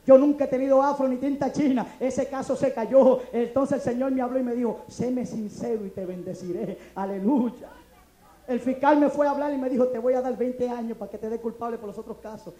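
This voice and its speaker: A man's voice: very high voice, mellow. A Puerto Rican male preacher giving a fervent testimony in church and breaking into exclamations of praise. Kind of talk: testimony sermon. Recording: echoey church hall.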